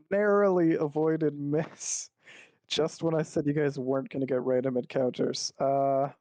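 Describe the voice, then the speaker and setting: A man's voice: fairly high pitch, fairly even intonation, measured pace, dark tone, no room sound. A man running a tabletop game as game master over a voice call, thinking aloud with many fillers. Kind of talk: narrating a tabletop game online.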